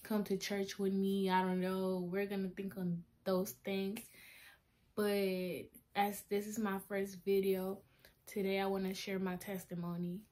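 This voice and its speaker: A seventeen-year-old Honduran girl with a Honduran Spanish accent chats to a webcam in front of her face, in a small bedroom with a flag on the wall, sharing her testimony in a casual talking-head vlog. She's chatty, often restarting sentences and laughing at herself, and her medium-pitched, darkish voice is unhurried with little pitch movement.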